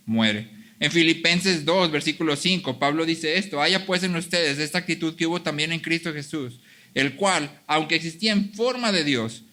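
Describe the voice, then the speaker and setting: A man preaching a sermon in a conversational way, with dramatic pauses and acted asides. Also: a little high, pushed and bright. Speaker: pastor.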